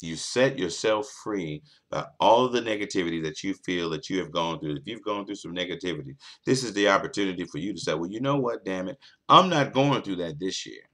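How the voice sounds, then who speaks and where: A man's voice: low-pitched, lively intonation, fairly quick, a bit bright. A man hosting a late-night talk show, delivering an earnest motivational monologue that repeats its key points for emphasis.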